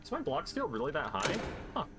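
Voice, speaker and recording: A man's voice: a little high, huge pitch swings, fairly quick, over loud music. A man giving casual gameplay commentary, muttering offhand reactions to himself. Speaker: game streamer. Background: video game ambience.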